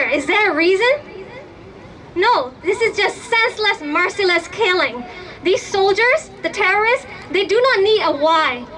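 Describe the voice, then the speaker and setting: A young woman from Burma addresses a rally crowd in a very high, bright voice. She speaks with fervent emphasis and stresses her key demands. Her delivery is a passionate public speech.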